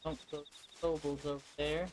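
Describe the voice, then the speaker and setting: A man's voice: fairly high pitch, flat delivery, normal speed, slight background noise, rough recording. A man streaming a game, casually thinking aloud between reading lines.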